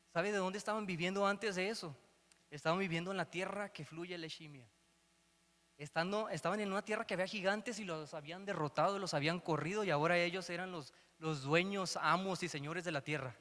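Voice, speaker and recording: A man's voice: high voice, fairly bright tone. A man preaching a sermon, telling a Bible story and acting out its dialogue. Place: church hall. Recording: long hall reverb.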